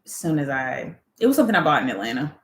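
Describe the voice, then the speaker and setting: A woman's voice: extremely low pitch, big pitch swings, fast talker, roomy sound. A woman co-hosting a live chat, talking casually and laughing often while she tells stories. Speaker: co-host of a live chat show.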